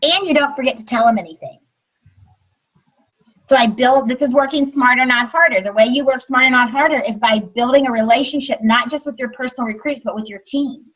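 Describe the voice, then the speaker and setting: A woman's voice: a little high, a little fast, a bit bright, slightly rough, lo-fi sound. A woman, a sales field manager, giving an upbeat, chatty team training talk.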